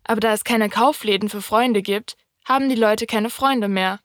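A woman voicing a wise, wistful fox in an audiobook reading, speaking in a calm, thoughtful, explaining way. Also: medium pitch, moderate pace, no echo, studio quality, close to an everyday voice. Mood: patient.

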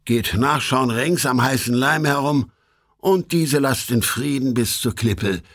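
A man voicing a scheming male devil captain who barks commands at his troop in a storybook reading, with a husky voice. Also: mid-range voice, unhurried, fairly bright tone, no room sound, studio quality. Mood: ordering. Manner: barking orders.

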